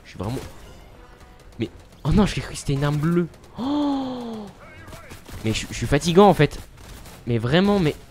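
A man's voice: fairly high pitch, sing-song, normal speed, pauses often, a little mellow, faint music behind. A young man live-streaming a video game, chatting casually, mocking himself and thanking viewers as he plays.

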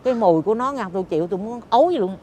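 Rapid, animated older Southern Vietnamese woman. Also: medium pitch. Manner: animated, exclamatory, complaining. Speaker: interviewee. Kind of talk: casual chat. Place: apartment housing complex.

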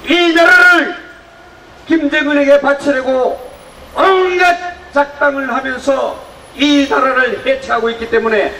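A man giving a fiery political speech to an outdoor rally, calling out rhetorical questions to the crowd and rising to shouts. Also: very high-pitched, steady tone, unhurried. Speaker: rally speaker. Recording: echoey, distant outdoor PA recording with noise.

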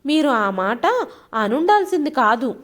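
A woman's voice: sits high, sing-song, measured pace. Woman reading as a tearful young wife. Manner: pleading, sobbing.

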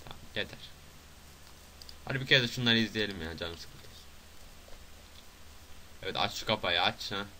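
A young man from Turkey giving casual gameplay commentary, excitable, swearing, swinging between loud outbursts and mutters. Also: lowish voice, moderate pace, long pauses, slight background noise.

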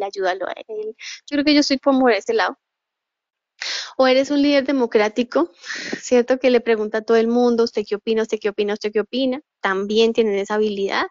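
A woman giving a calm, reflective motivational talk on leadership, full of rhetorical questions. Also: a little high, no echo, lo-fi sound. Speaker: leadership speaker.

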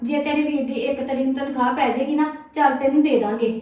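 Casting: a woman as a high-voiced, defensive Punjabi daughter-in-law, with dull, echoey sound. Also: fairly even intonation, quick pace, mellow, lightly acted. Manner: defensive, justifying, placating. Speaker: actor in a family drama.

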